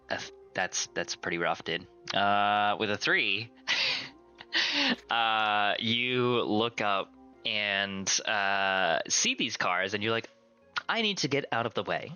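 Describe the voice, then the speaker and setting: Guy running a tabletop rpg, really low but super bright voice, kinda halting and casual. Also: clean tone. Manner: casual, halting, searching for words. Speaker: game master. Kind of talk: improvised tabletop game narration.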